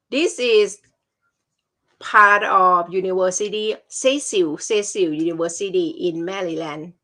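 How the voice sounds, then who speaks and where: A woman with a Thai accent, a non-native speaker whose first language is Thai, casually telling personal stories and often pausing to search for words. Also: fairly low pitch, fairly bright tone. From Thailand.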